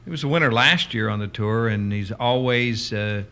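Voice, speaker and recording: A man's voice: on the low side, normal speed, creaky, bright, forceful tone. A man working as a golf commentator, giving conversational, chatty analysis of play with some hesitation.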